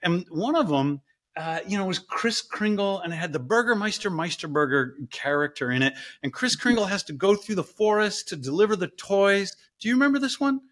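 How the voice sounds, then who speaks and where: A middle-aged man, a guest professor, telling a story in a casual, animated interview. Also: fairly quick. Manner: animated, acts out story voices with big pitch jumps. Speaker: guest, professor and ice bath company co-founder.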